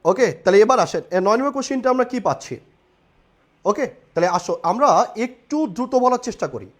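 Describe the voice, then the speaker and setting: Animated young man teaching online. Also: high voice, a little fast. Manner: repetitive, animated, joking asides with students. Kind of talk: live online class lecture.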